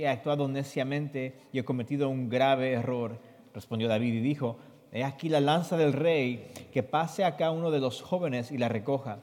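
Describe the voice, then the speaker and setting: A man interpreting a sermon and reading scripture. He reads expressively and his voice jumps high in the quoted questions. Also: a little mellow. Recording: long hall reverb.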